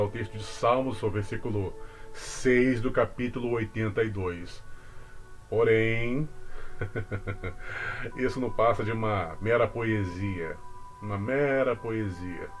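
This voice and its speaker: A man with a Brazilian accent explaining religious ideas in casual talk, deliberate, with asides to the viewer. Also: medium pitch. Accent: Brazilian Portuguese. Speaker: religious commentator.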